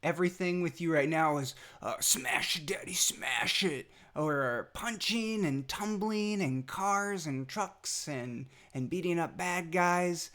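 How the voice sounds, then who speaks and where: A man's voice: fairly high pitch, takes it slowly, few pauses, a bit bright. A young adult man recording a rambling, affectionate birthday message to his little son a few days after nose surgery. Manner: rambling and affectionate, many fillers and restarts. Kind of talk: casual personal message.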